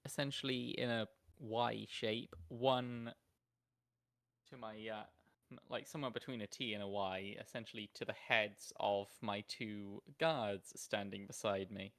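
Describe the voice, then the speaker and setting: A man's voice: fairly low pitch, steady tone, a little slow, a bit bright, no room sound. A man playing a tabletop game, declaring his moves and thinking aloud as he corrects himself. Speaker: player. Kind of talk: casual tabletop game play.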